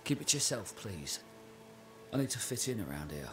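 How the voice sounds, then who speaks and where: Nervous, unravelling blacksmith over music. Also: male voice, lowish voice, sing-song, moderate pace. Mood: sheepish, nervous. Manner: hesitant, rambling, flustered, voice leaps when agitated. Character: nervous male village blacksmith, guilt-ridden and unravelling. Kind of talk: dramatic video game acting.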